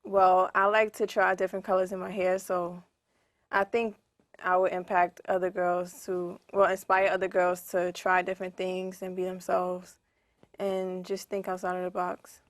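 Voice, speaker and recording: A young woman from New York answering interview questions, soft-spoken and hesitant with many pauses. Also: fairly low pitch, completely flat delivery, no room sound. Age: young adult. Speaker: guest.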